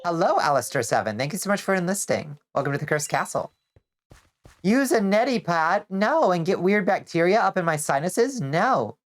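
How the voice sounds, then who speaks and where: A woman's voice: lowish voice, animated, moderate pace. A woman chatting casually with her chat as she plays a game, sounding nasal and stuffy from congestion, rambling and swearing now and then. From Georgia, US. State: stuffy nose. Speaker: vtuber streamer. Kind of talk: casual chat while gaming, reading chat.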